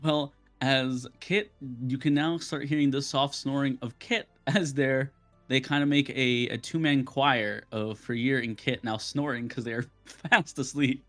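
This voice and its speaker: A man's voice: mid-range voice, fairly even intonation, a little slow, a bit bright, faint music behind. A man narrating as game master for a tabletop game, teasing his players and laughing often.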